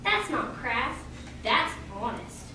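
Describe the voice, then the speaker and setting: A woman plays a brash, gushing young party guest for an amateur radio play, speaking slowly in a high, very animated, exaggerated voice. It was recorded with a distant mic in a very echoey, noisy room.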